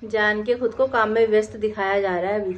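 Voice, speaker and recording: A woman's voice: medium pitch, steady tone, fairly quick, lo-fi sound. A woman narrating her daily vlog in a chatty, teasing way, asking lots of questions. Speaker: vlogger. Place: at home and out running errands.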